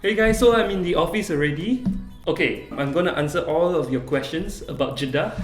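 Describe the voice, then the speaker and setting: A man's voice: a little high, a little fast, reverberant, soft background music. A young man from Malaysia answering viewer questions in a casual, friendly vlog. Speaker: travel vlogger. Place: small office room.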